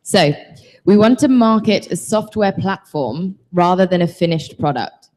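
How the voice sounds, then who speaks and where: Woman co-host, very low voice, brisk clear reading of audience question. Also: darkish tone. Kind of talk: reading a submitted question aloud.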